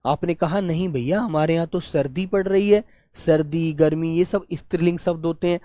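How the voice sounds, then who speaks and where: A man's voice: a little high, dry recording. Man teacher coaxing students through grammar. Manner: warm coaxing, calls students "beta", asks and answers his own questions; stretches key words slowly while dictating notes. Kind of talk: online exam-prep grammar class.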